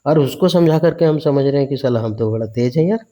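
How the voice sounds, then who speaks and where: A male coaching teacher from India with a warm, dark voice at an ordinary pitch. He talks in a casual, chatty way, chanting words over again as memory tricks and checking whether his students follow. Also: fairly quick. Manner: chatty, repeats words in mnemonic chants, asks learners questions. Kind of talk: vocabulary lesson.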